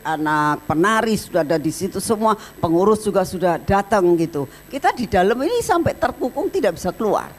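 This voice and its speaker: A woman pastor preaching a sermon as a lively story, acting out the quoted lines. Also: on the low side, slight background noise, low-quality recording.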